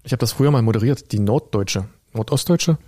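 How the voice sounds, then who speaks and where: A man co-hosting a casual podcast chat with a German accent, throwing in quick, dry quips. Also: mid-range voice, mellow, dry recording. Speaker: podcast co-host.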